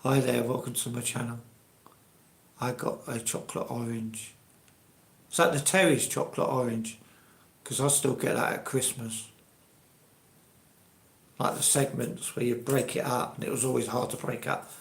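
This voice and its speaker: A man in his sixties from England, with an English accent, hosts a live stream in a casual, rambling way. His voice is medium-pitched and creaky, with fairly even intonation, a moderate pace and long pauses. The recording sounds roomy and echoey.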